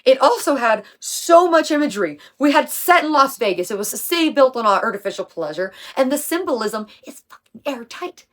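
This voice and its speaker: A woman's voice: sits high, very animated, fairly quick, fairly bright tone. A young woman talking casually through a video essay on music, chatty and emphatic, with slang and the odd swear. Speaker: music commentary creator.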